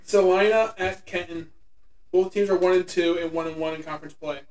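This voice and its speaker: A man's voice: high voice, steady tone, fairly quick, a little mellow, distant mic. A young man hosting a casual chat about game picks, teasing his friends and laughing a lot. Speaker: host. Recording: echoey room, voice off-mic.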